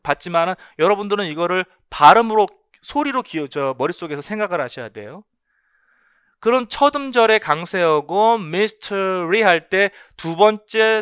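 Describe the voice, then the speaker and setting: A man's voice: high-pitched, fairly bright tone, clear, resonant tone, no echo, studio quality. A man giving an exam-prep lecture on English linguistics, emphatic, asking rhetorical questions and repeating key points.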